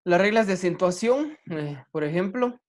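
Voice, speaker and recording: A man teaching an online grammar class, talking slowly with many fillers and restarts. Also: sits high, expressive.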